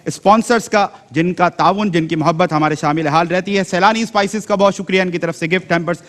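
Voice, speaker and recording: A man hosting a TV speech competition, smoothly affirming the judges and thanking sponsors. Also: high voice, fairly even intonation, big-room sound. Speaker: host.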